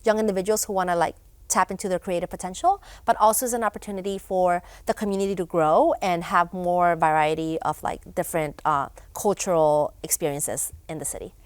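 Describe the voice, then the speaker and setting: Young woman, from Honduras, studio guest, casual talk with fillers, low voice, dry studio sound. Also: fairly even intonation, brisk, clear, resonant tone, no echo. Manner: casual, many fillers and restarts. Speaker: guest, event founder. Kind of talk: studio interview.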